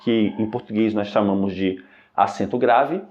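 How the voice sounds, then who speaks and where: A man's voice: fairly low pitch, moderate pace, a little mellow. A man teaching an online language lesson, patiently repeating phrases and checking in with "ok?" after each point. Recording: dull lo-fi recording.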